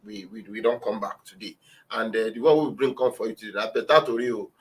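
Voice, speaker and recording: A man's voice: on the low side, fast, low-quality recording. A man with a Nigerian accent hosting a casual talk show in a chatty, teasing way. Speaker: radio show host.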